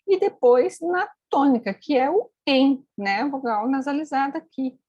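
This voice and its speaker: A woman's voice: high-pitched, normal speed, a little mellow, dry recording, lo-fi sound. A woman teaching phonetics in a screen-recorded tutorial, explaining step by step and checking in with tag questions. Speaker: phonetics instructor.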